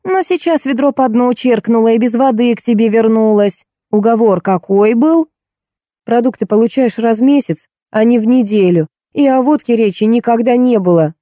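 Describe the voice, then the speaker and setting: A woman's voice: on the high side, normal speed, warm tone, dry recording, clean studio sound, voice pushed up, natural voice. A woman reading an audiobook, voicing a harsh, angry female housekeeper who scolds and snaps. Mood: scolding.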